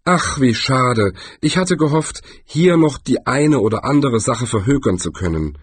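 A man reading aloud, voicing a small, breezy, sardonic male shopkeeper in a raised, lively voice. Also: medium pitch, a little slow, slightly rough, no echo, pitched above the performer's own voice. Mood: wry.

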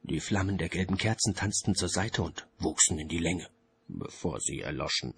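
A man narrating an audiobook in a theatrical, expressive storytelling manner. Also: deep voice, normal speed, vocal fry, husky.

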